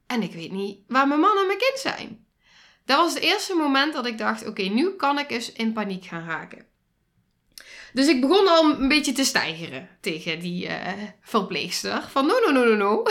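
A young woman with a fairly high voice recounts a hard personal experience as a podcast host. She talks emotionally, restarts her sentences and laughs in the middle of the story. She sounds a little foggy, still recovering from a concussion. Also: fairly bright tone.

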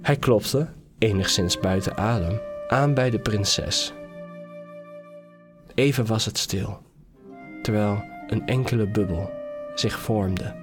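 A man narrating a scripted fairy tale as a podcast storyteller, measured and unhurried. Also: fairly low pitch. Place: podcast studio. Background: faint music.

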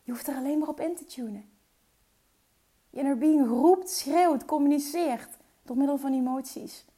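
Woman, fairly high voice, warm mellow tone, earnest motivational coach, slips into whispers. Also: moderate pace. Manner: mixes English phrases into her speech. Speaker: entrepreneur and mindset coach. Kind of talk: motivational talk.

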